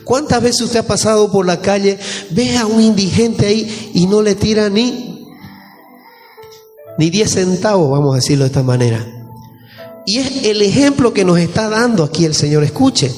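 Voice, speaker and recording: A man's voice: high-pitched, lively intonation, normal speed, a little mellow. A male pastor with a Bolivian Spanish accent preaching a sermon, explaining scripture and questioning the congregation. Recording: echoey church hall with faint music.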